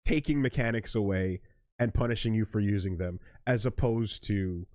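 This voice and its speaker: A man's voice: fairly low pitch, normal speed, darkish tone, no echo, studio quality. A man hosting a let's play, chatting casually about games in an emphatic, opinionated, sweary way. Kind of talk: casual gaming chat.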